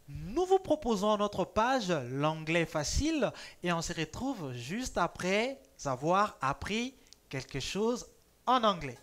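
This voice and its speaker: A talk-show host presenting the program and quiz in a measured, announcer-like way with small hesitations. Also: mid-range voice, fairly bright tone.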